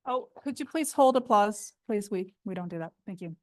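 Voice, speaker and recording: A woman's voice: medium pitch, expressive, normal speed. A woman chairing a school board meeting, calling speakers and giving brief, polite procedural remarks.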